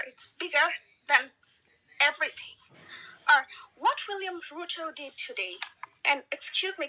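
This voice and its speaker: A woman's voice: high-pitched, bright, forceful tone. A woman from Kenya, living abroad, speaking angrily and emphatically as a caller in a live audio discussion. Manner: angry, indignant, emphatic. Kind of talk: impassioned political commentary. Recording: lo-fi call audio.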